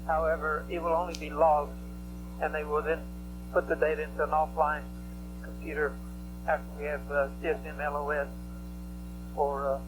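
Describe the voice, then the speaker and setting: A man working as a network controller, giving halting, matter-of-fact technical reports over a headset radio loop. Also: a little high, monotone, background noise. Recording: humming 1960s mission control radio loop.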